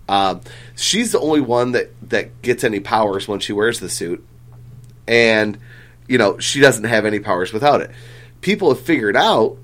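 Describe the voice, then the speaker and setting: A man's voice: fairly low pitch, a bit bright. A man hosting a casual podcast chat, rambling with lots of fillers and the odd swear. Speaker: comic book podcast host.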